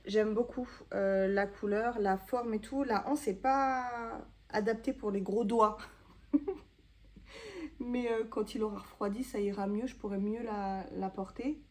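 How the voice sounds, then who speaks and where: A woman's voice: mid-range voice, steady tone, measured pace. A woman in her thirties chatting casually to camera in a book vlog, self-mocking and full of small hesitations. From France. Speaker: booktuber.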